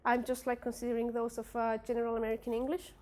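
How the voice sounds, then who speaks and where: A young native Spanish speaker from a Spanish-speaking country presents her research at a workshop, her Spanish-accented voice fairly high and somewhat dark. She talks fast in a completely flat delivery, with many fillers and restarts, in the manner of an academic presentation.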